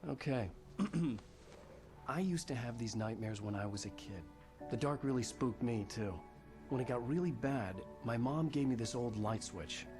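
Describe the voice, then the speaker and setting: An actor playing a male writer who gently reassures his wife and tells her a childhood story. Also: medium pitch, lively intonation, measured pace, music in the background, natural voice. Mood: gentle.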